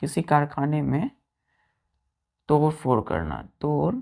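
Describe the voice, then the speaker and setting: A woman with a low, darkish, sing-song voice teaches exam vocabulary at an unhurried pace, spelling each word letter by letter and repeating it for drilling. She calls her students children and keeps asking whether everything is clear.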